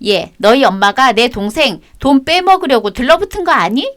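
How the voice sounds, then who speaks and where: A woman's voice: high voice, lively intonation, normal speed, a bit bright. A woman voicing a spiteful, bossy middle-aged sister-in-law in a radio drama, sneering and scolding.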